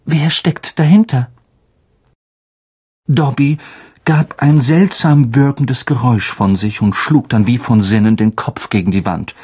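A woman narrating an audiobook in a calm, measured storytelling voice. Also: rumbling low, slightly rough. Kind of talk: audiobook reading.

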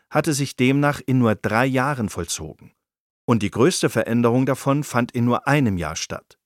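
Male narrator, mid-pitched voice, scripted nonfiction reading, vivid emphasis, dry close recording. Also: dry recording.

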